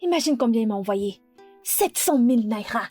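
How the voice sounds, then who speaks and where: A woman dubbing a quick-tongued, scolding young woman for a French film dub. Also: fairly high pitch, expressive, warm tone, soft background music. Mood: excited. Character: sharp young woman, a remedy seller. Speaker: dubbing actress.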